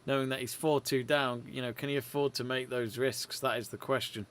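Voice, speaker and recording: Clear-voiced man calling live snooker. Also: medium pitch, fairly even intonation, a little fast, a bit bright. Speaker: snooker watch-along host and commentator. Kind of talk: live play-by-play sports commentary.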